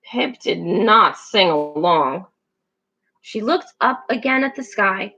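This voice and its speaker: A woman teacher reading a picture book aloud to children, expressive and engaging. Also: medium pitch, takes it slowly, lo-fi sound.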